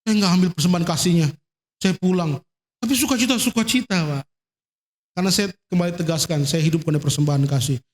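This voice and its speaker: Male pastor, high voice, emotional sermon delivery, long church reverb. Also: fast. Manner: emotional, swinging between high exclamations and quiet asides. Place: church hall.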